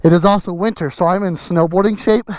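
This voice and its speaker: An out-of-breath man hosting a casual riding vlog on a desert trail, energetic and whooping as he talks from a helmet mic. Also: sits high, a little fast, no room sound. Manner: energetic, whooping, laughing between sentences. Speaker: host. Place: outdoor desert trail, riding a dirt bike. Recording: loud engine and wind noise.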